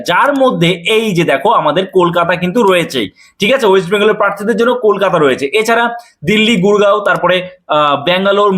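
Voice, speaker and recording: A man explains a recruitment notice in a coaching video. His voice sits high and he talks at a rapid clip. He addresses viewers directly and keeps checking that they are following. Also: fairly bright tone. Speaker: coaching teacher.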